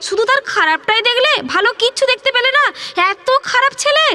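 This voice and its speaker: A woman plays a brisk married daughter who scolds her mother in an audio drama. Her voice is very high, bright and sharp. She speaks with a Bengali accent and an impatient manner. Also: animated, exaggerated voice. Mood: exasperated.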